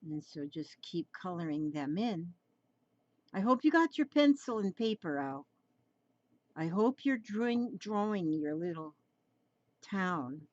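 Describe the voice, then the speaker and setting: A woman's voice: on the low side, expressive, a little slow, long pauses, darkish tone, dry recording, highs cut off. A woman in her seventies chatting through a drawing tutorial, rambling and coaxing, often repeating her phrases. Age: 70s.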